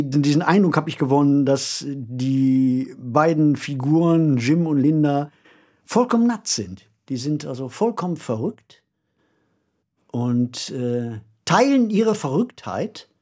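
An author on a radio discussion speaks reflectively, becoming animated whenever he makes a point. His voice is a little high with a breathy edge.

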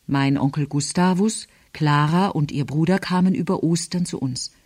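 A woman narrating a novel in calm, even storytelling. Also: low voice, normal speed, no room sound, clean studio sound. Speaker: audiobook narrator. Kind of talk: scripted narration.

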